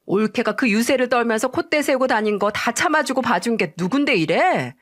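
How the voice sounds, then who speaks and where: A woman voicing a sharp-tongued, spiteful young sister-in-law. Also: a little high, expressive, fairly quick, pitched above the performer's own voice. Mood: snapping. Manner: snippy, spiteful.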